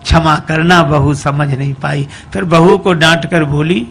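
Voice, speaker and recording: A man's voice: fairly high pitch, fairly even intonation, measured pace, fairly bright tone, soft background music. A man preaching a devotional sermon, telling a folk story folksily and breaking into sung verses.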